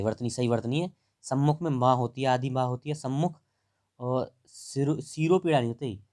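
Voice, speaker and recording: A man's voice: medium pitch, a little mellow. A man teaching, going through test answers one by one, explaining and correcting, and asking students to answer. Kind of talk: exam answer walkthrough.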